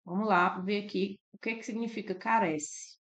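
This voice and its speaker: A woman's voice: medium pitch, steady tone, normal speed, a bit bright. A woman with a Brazilian Portuguese accent, a tutor working through exam questions in a casual, explanatory way, often adding "né?" to check in. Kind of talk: casual screen-share lesson.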